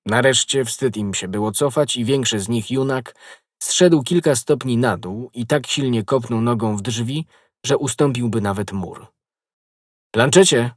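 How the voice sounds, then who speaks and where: A man with a husky, mid-pitched voice reads a story aloud, steady and measured. The recording is close and dry, with no room echo. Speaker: narrator. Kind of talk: audiobook narration.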